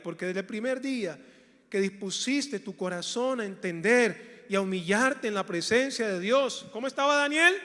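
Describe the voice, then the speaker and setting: High bright preaching man. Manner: preaching with big swings from hushed to shouted, rhetorical questions. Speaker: pastor. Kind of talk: sermon. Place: large church hall. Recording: echoey church hall.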